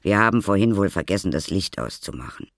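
A man's voice: low-pitched, very animated, quick pace, vocal fry, fairly bright tone, no echo, studio quality, voice pushed up, exaggerated voice. A man voicing a sleepy, easygoing father who reassures. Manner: yawning, reassuring.

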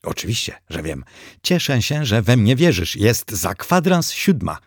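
A man's voice: on the low side, big pitch swings, normal speed, gravelly, a little mellow, husky, no echo, clean studio sound, exaggerated voice. Man voicing a pompous little hamster god. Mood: solemn. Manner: solemn, self-satisfied. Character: pompous self-declared hamster god, male, small.

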